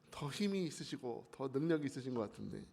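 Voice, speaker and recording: A man preaching a sermon at a dawn prayer meeting, emphatic, with sudden louder rises. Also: medium pitch, big pitch swings, normal speed, vocal fry, breathy edge.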